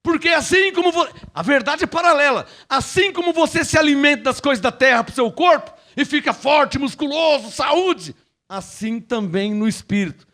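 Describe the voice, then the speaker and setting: A man's voice: very high-pitched, expressive, moderate pace, bright, forceful tone. A man preaching a sermon as a pastor, acting out Bible dialogue as he goes.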